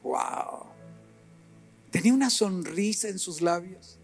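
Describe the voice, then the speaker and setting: High-voiced man preaching with animated emphasis. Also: unhurried, soft background music. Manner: animated, acts out dialogue and rises to emphatic peaks. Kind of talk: sermon.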